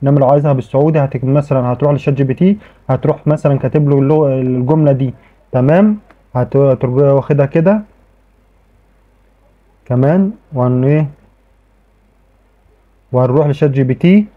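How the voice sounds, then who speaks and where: A man's voice: mid-range voice, fairly even intonation, fast, pauses often. A man with an Egyptian accent explaining a tech tutorial in a chatty way, often restarting his sentences. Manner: chatty, repeats "okay" often, frequent restarts. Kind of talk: casual screen-recorded tutorial. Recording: tinny phone-like audio.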